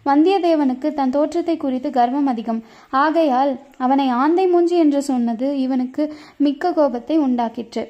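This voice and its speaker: High-voiced woman narrating a novel. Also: normal speed. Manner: dramatic, expressive reading. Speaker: audiobook narrator. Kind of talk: storybook narration. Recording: dull lo-fi recording.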